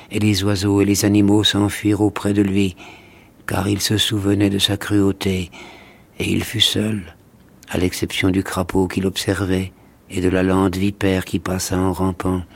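A man reads a fairy tale aloud in a measured, solemn manner. His voice is low and his pitch barely moves, giving the reading a steady, even flow. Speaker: narrator. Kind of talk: scripted storytelling narration.

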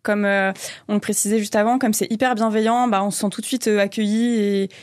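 Woman guest, relaxed and hesitant, dry studio sound. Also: mid-range voice, a little fast, no room sound. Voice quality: casual, hesitant with fillers. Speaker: new player, guest. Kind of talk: radio interview. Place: radio studio.

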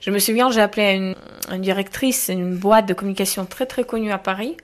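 Young Ukrainian woman, earnest and halting. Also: mid-range voice. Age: 20s. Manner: earnest, halting non-native French with restarts. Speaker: interviewee. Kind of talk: casual testimony.

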